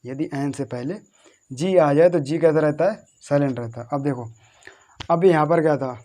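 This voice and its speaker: Man slowly drilling spellings, somewhat high voice. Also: dark tone. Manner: repetitive, drills words slowly letter by letter; asks questions and answers them himself. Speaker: teacher. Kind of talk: classroom-style lesson on English spelling.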